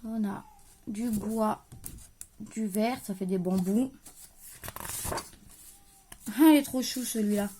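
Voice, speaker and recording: A young crafting vlogger speaks slowly in a mellow mid-range voice, leaving long pauses, with a little hiss or hum on the audio. Sitting in a creaky chair at her home craft table, she unpacks a haul for the camera, thinking aloud and trailing off at times. She has a light regional French-speaking accent.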